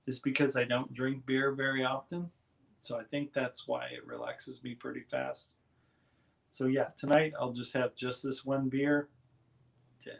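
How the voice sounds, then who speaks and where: Male live streamer, mid pitch, easygoing and rambling, casual chat with viewers. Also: gravelly. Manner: relaxed, rambling, reads chat aloud.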